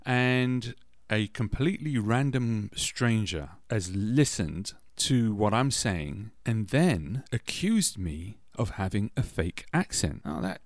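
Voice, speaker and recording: A middle-aged man with a British accent chats his way through personal anecdotes as a podcast host. His voice sits fairly low, and he drops in wry jokes at his own expense. The sound is close and dry, with no room around it. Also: a little mellow, no echo. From England. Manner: chatty and anecdotal, with wry self-deprecating asides. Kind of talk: casual personal storytelling.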